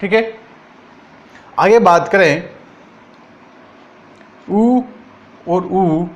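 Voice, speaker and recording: A man teaching an exam-prep Hindi grammar lesson, asking each point as a question and answering it himself, drawing out the sounds as he recites them. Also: high voice. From Rajasthan, India. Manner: drawn-out syllables while reciting sounds.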